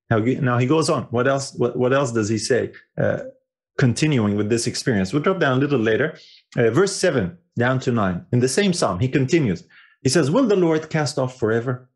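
A man preaching a sermon in an earnest voice, often restarting his sentences, lifting his pitch and slowing down on key phrases. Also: darkish tone. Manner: frequent fillers and restarts.

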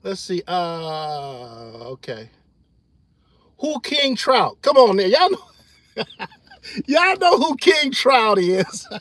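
A middle-aged man chatting casually on his livestream, animated and loose, laughing often and reading chat comments aloud. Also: high voice, takes it slowly, long pauses, no echo. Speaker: livestream host.

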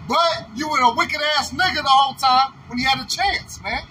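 A man with a very high voice reads scripture slowly and then preaches about it on the street. Clear outdoor noise sits behind his voice. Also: sharp tone. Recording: noisy outdoor street recording.

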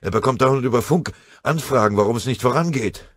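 A man's voice: medium pitch, fairly quick, breathy edge, no room sound, pitched above the performer's own voice, close to an everyday voice. A man voicing an exhausted army messenger who is out of breath as he reports. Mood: nervous. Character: exhausted young male messenger soldier.

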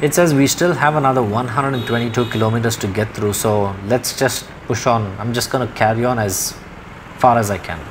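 A man's voice: medium pitch, brisk. A young man from India narrating a motorbike trip in an easygoing, plain-spoken way through a helmet mic. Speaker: motovlogger. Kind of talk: casual travel vlog narration. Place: on a motorbike on a road. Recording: road and engine noise behind.

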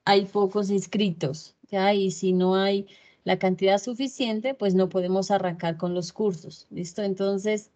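A woman's voice: mid-range voice, level tone, a little slow, a little mellow. A woman instructor giving an online class lecture over a video call, often checking in with her students through short tag questions.

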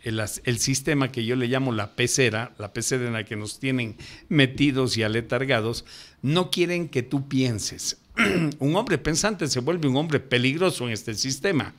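A man's voice: a little high, a bit bright. Emphatic older man lecturing on air. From Ecuador. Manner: emphatic, lecturing, sudden rises for stress. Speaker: ufologist guest. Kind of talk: radio interview, impassioned explaining.

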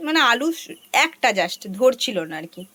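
A woman chatting to her viewers in a rambling home vlog, her voice hoarse from a cold. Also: fairly high pitch, big pitch swings, normal speed, bright, forceful tone. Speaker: home vlogger.

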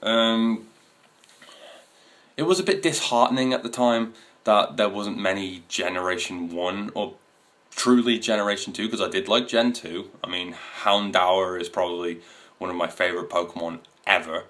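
A man's voice: deep voice, moderate pace, a bit bright. A man in his twenties talking casually to his camera, rambling with fillers and restarts. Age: 20s. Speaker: video host. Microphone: camera mic.

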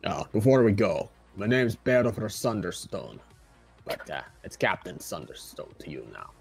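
A man voicing a stern, gruff male dwarven mining captain in a tabletop role-play. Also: lowish voice, sing-song, moderate pace, faint music behind, full character voice. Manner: curt, gruff, says "aye".

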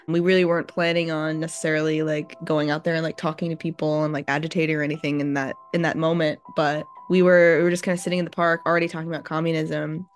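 A woman's voice: low voice, little pitch movement, quick pace, hardly any pauses. A woman telling a casual story on a podcast, rambling with lots of fillers. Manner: rambling, many likes and you-knows. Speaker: party member sharing an anecdote.

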